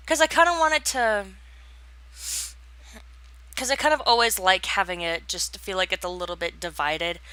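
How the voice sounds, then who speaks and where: Young woman, gaming voice-over, rambling and hesitant, bright tone, dry close sound. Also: mid-range voice, no echo. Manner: rambling, hesitant, lots of fillers and restarts; yawns and laughs while talking. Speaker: gaming channel host. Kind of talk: casual voice-over commentary on a home build.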